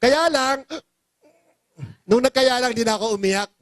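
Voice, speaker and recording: A man's voice: very high-pitched, measured pace, fairly bright tone, no room sound. A middle-aged man from the Philippines giving an emotional, pleading testimony speech at a business forum and rousing the crowd.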